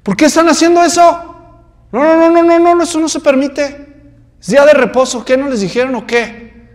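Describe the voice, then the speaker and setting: A man voicing indignant Pharisees who scold loudly. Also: very high-pitched, slow pace, long reverb tail, voice pushed up. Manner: shouting, indignant.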